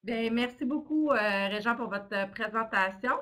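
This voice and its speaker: A woman moderates a webinar over a video call, passing along questions and introducing the next speaker. Her voice is bright and a little high. She speaks politely, with the odd "euh.". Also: normal speed. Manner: polite, relaying questions with fillers.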